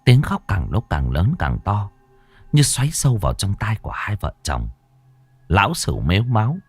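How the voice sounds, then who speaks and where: A man's voice: lowish voice, sing-song, moderate pace, husky, no echo, soft background music. A man narrating a ghost story dramatically, switching into many character voices.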